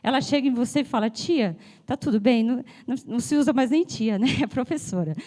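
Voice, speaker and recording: A mother presenting at a symposium talks fast in a mellow, slightly high voice, slightly breathless and nasal from a cold. Chatty and direct with her audience, she keeps checking in with "né?".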